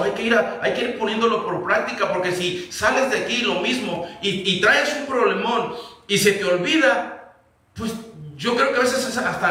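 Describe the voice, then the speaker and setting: A pastor preaches in a high, bright voice, pressing his congregation with question after question. His words ring through a very echoey church hall, and the mic sits some distance from him. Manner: asks the congregation repeated rhetorical questions. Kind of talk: sermon. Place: church sanctuary.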